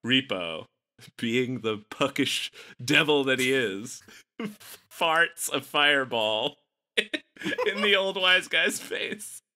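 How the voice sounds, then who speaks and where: A man's voice: mid-range voice, expressive, slow pace, sharp tone. A man co-hosting a movie podcast, chatting casually and laughing through his jokes. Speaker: podcast co-host. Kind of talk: casual movie review chat.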